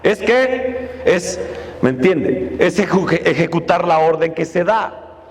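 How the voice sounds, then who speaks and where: A man's voice: on the high side, a little slow. A man preaching a sermon as pastor, often asking the congregation rhetorical questions. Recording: long reverb of a church hall.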